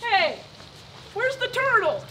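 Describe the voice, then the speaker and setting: Female stage performer as vain bossy lizard, broad children's theatre delivery, very high voice, distant, noisy recording. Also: very animated, slow pace, exaggerated voice. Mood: self-satisfied. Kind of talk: children's stage play acting. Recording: distant stage recording with loud background noise.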